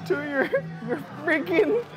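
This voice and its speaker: A young man chatting casually with a friend at a brewery, animated and joking as he rambles through stories. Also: very high-pitched, takes it slowly. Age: young adult. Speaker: friend and co-host. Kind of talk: casual chat. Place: dim brewery taproom, indoors. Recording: music clearly underneath. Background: music playing.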